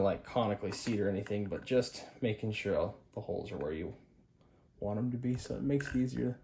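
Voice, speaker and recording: A man with a lowish, somewhat dark voice does an informal, upbeat repair demo by hand, half muttering to himself as he works. He hosts a hi-fi repair channel, and there's a little background noise.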